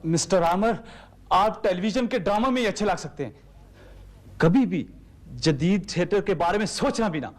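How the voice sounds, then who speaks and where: An impatient theatre director who gives brisk orders. His voice sits high and swings widely. He speaks with a Pakistani Urdu accent. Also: animated. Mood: dismissive. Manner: brisk, dismissive, orders people about.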